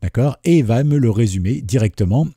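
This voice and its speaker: A man walks viewers through a screen-recorded software tutorial in a relaxed, chatty voice. His tone is very dark and mellow with a husky edge. The recording is dry and close, with no room sound. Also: mid-range voice, fairly quick, no room sound. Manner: relaxed, chatty explaining with frequent fillers. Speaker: tech tutorial host.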